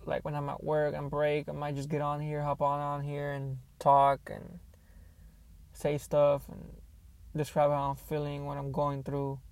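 Creaky young man rambling into earbuds mic. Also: a little high, completely flat delivery, unhurried, dry recording. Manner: unscripted, hesitant, thinking out loud. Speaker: podcaster. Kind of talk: casual rambling solo podcast monologue. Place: inside a car.

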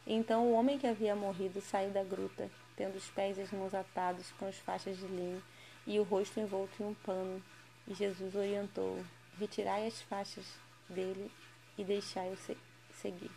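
A woman's voice: mid-range voice, warm tone, slight background noise. A woman reading a Bible passage aloud and commenting on it in a conversational, sometimes emphatic way, often ending phrases with a questioning tag. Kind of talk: scripture reading with casual commentary.

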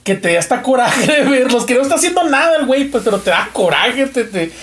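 A man's voice: very high-pitched, sing-song, quick pace, fairly bright tone. A man with a Mexican accent telling anecdotes in casual, slangy and profane street talk as a podcast guest. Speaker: podcast co-host, returning guest.

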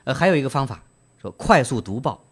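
Man, book club host, trained broadcaster's Mandarin, animated pitch, gentle with fillers. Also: fairly quick. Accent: standard Mandarin, broadcast-trained. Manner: gentle storyteller, asks listeners rhetorical questions; frequent hesitation fillers. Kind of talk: book reading and discussion.

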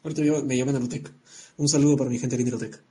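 A man's voice: medium pitch, steady tone, racing, dark tone, husky. A man co-hosting a casual chat, joking around and sending playful greetings to his listeners.

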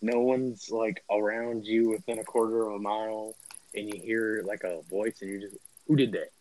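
Low-voiced young man, laughing. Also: normal speed, low-quality recording. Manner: excited storytelling, laughing. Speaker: podcast guest. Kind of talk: casual chat.

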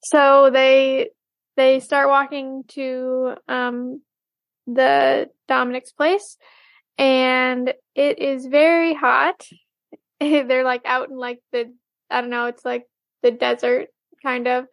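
High, slow, hesitant woman recapping. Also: level tone, gravelly, no echo. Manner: hesitant, full of "um" and "like". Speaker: podcast co-host. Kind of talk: casual episode recap.

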